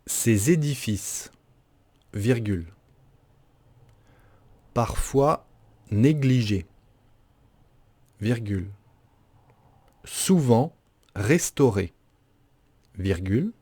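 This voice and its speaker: A mellow-voiced man dictating at an extremely slow pace. He articulates carefully, breaks sentences into short phrases and says the punctuation aloud like a teacher. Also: medium pitch, expressive, husky. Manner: deliberate, carefully articulated, repeating each phrase.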